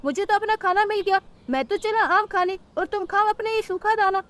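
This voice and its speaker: A woman's voice: very high voice, steady tone, brisk, fairly bright tone, voice pushed up. A woman voicing a brash, bullying young male crow in a cartoon who talks rudely and boastfully. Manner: rude and boastful.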